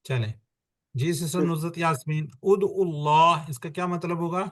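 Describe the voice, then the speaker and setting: A man's voice: on the high side, a bit bright. A man teaching an online Quran grammar class, patiently walking students through points step by step and calling on them by name.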